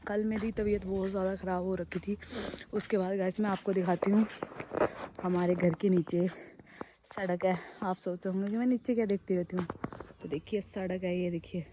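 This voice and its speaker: A young woman vlogs into a hand-held phone out on a breezy rooftop, talking in a chatty, rambling way. Her voice is hoarse from a sore throat and a bit breathless, with a mellow, soft tone. Faint noise sits behind her. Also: mid-range voice. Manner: chatty, addresses viewers as guys. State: short of breath after stairs. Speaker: vlogger. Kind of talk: casual vlog chat. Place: outdoors on a rooftop, windy.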